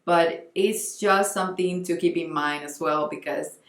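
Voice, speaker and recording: A woman's voice: on the low side, a little slow, roomy sound. A young Colombian woman with a Spanish accent, talking earnestly in a casual book vlog and often restarting as she searches for words. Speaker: book vlogger.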